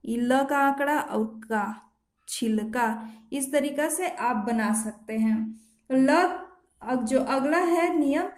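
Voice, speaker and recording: A woman teaching shorthand, explaining each rule patiently step by step and repeating her examples, now and then correcting herself. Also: sits high. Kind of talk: step-by-step instructional lesson. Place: home.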